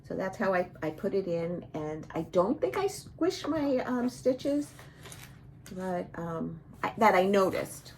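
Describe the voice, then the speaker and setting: A woman's voice: mid-range voice, sing-song, takes it slowly, a little mellow, slight background noise. A woman hosting her own cross-stitch vlog, chatting casually and rambling with many fillers and restarts. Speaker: cross-stitch vlogger, show host.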